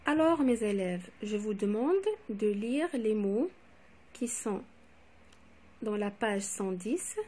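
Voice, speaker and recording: A woman teacher giving a slow, deliberate phonics lesson to young children, spelling out letters and syllables. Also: on the high side, mellow, slightly rough. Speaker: primary school teacher.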